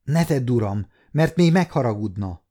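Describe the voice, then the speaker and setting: A man's voice: medium pitch, animated, mellow, natural voice. A man doing a fretful old servant. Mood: anxious. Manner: pleading, fearful. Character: old anxious male servant, talkative.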